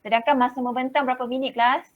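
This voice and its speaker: A woman's voice: high-pitched, steady tone, racing, narrow, tinny audio. A woman teacher with a Malaysian Malay accent, chatty and direct as she explains how class presentations are marked, now and then slipping English words into her talk. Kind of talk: classroom briefing on presentation marking.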